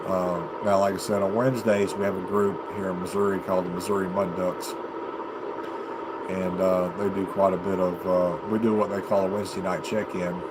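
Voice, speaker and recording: An American CB radio hobbyist who livestreams as an amateur chats casually to his viewers from a home basement, his lowish voice set against loud, steady background noise. He takes his time and thinks aloud, often pausing and restarting.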